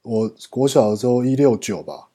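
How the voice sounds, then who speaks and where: A man's voice: medium pitch, normal speed, dark tone. A man from Taiwan with a Taiwanese Mandarin accent, chatting casually with friends as a guest. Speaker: podcast guest.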